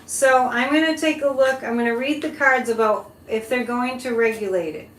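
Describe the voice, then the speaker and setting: A woman with a slightly high voice chats casually as a live-stream host. She talks straight to her viewers in a loose, conversational way. The room is distinctly echoey, with faint background noise. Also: normal speed, fairly bright tone. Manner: conversational, addresses listeners directly. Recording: roomy echo, background noise.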